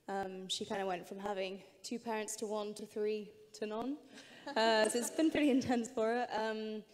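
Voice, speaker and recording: A woman's voice: mid-range voice, a little mellow. A woman actor on a festival panel talks in a chatty, explanatory way, with "um"s. Her voice sits in a mid range. It rings out in a large hall. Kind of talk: panel talk. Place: festival stage.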